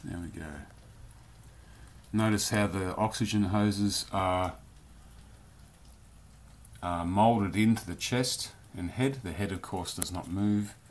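A man's voice: low-pitched, slow, pauses often. A man casually reviewing a collectible toy in a rambling, chatty vlog from his home beer cellar. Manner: chatty, rambling, loose slang.

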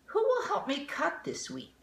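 A determined little red hen from a storybook, as a woman puts her on, high and lively in her pleading asks. Her voice swoops up and down while the room rings with echo around it. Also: a little slow, creaky, exaggerated voice. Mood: asking. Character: hardworking little red hen, stern and fed up. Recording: roomy echo.

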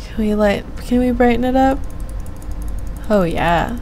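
Young woman, gravelly creak, unhurried hesitant rambling, casual game stream chat, headset mic, slight background noise. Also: a little high, warm tone. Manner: hesitant, meandering, half muttering to herself. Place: small room at home, indoors. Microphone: gaming headset mic.

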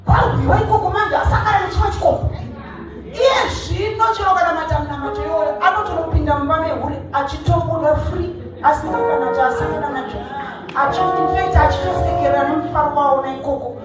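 A Zimbabwean woman evangelist delivers a forceful sermon into a pulpit microphone, her voice high and her words rapid. She sounds distant from the mic in a big echoing church hall, with loud music playing under her. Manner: forceful preaching, switching between Shona and English.

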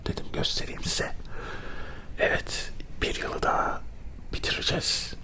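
A man narrates a travel vlog in a hushed ASMR whisper. He explains things in a reflective, unhurried manner, all breath and very little voice. He comes from Turkey and talks as if guiding the listener around. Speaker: vlogger.

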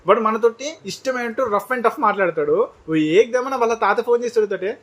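Fast-talking young Telangana man, high voice. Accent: Telangana Telugu. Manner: teasing, animated, quick-talking. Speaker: vlogger. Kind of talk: casual debate.

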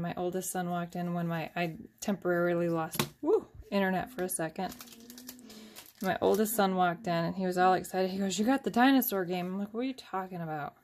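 With slight background noise behind her, a fairly low, somewhat mellow-voiced woman in her thirties demonstrates a craft at home step by step. She rambles in a chatty way and keeps poking fun at herself.

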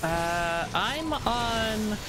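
Woman streamer, unhurried and rambly, talks over clear game music. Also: medium pitch, lively intonation. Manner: rambling, repeats words and restarts, apologetic. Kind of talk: casual live-stream chat while gaming.

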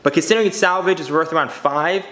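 A little high and a bit bright, the voice belongs to a fast-talking car channel vlogger in his twenties. Earnest and slangy, he speaks directly to camera in casual vlog talk, calling viewers "you guys." Recorded on a camera mic in his echoey home garage.

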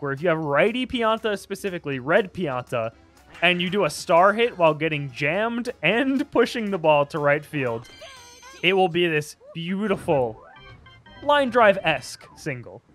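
A young man doing casual play-by-play commentary on a video game match, chatty and quick to get excited by big plays. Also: high-pitched.

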